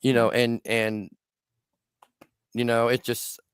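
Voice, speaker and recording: A man's voice: mid-range voice, level tone, takes it slowly, smooth, dry recording, studio quality. A man in his sixties hosting a podcast, chatting casually in a rambling, self-interrupting storytelling way. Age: 60s. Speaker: podcast host.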